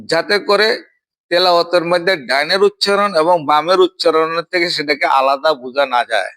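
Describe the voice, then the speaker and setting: Bright-voiced Quran recitation teacher. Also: male voice, on the high side, moderate pace. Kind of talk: Quran recitation drill lesson.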